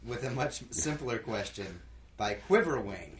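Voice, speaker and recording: A man co-hosting a podcast, answering listener questions thoughtfully with many pauses and a dry sense of humor. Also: lowish voice, expressive, background noise. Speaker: podcast co-host. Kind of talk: casual podcast chat.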